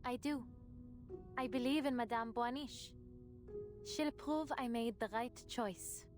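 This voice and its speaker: A woman's voice: on the high side, takes it slowly. A woman playing a stubborn young agent in a game, curt and defiant in manner. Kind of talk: game voice acting. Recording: music clearly behind the voice.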